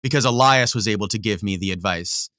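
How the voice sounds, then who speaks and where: A man's voice: on the low side, a little fast, a bit bright, dry recording, studio quality. A male audiobook narrator chatting as a podcast guest, thoughtful and rambling, with many fillers. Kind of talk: casual interview chat. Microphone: home recording setup, headphones.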